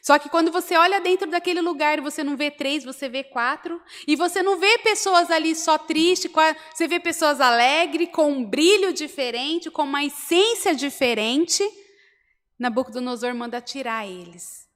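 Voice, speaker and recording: A woman with a Brazilian Portuguese accent delivers a sermon in a fairly high voice. She tells the story steadily, then presses home her point with rising emphasis. A long reverb hangs around every phrase. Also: moderate pace, fairly bright tone. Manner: storytelling, swells to emphatic exhortation. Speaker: preacher. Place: church hall, indoors.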